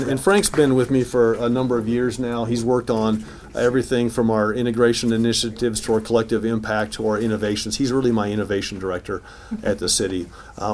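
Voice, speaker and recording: A city mayor gives remarks and takes questions at a press conference in a city hall news conference room. His voice sits on the low side and is a little mellow, and he speaks informally, restarting sentences and using fillers. There is slight background noise.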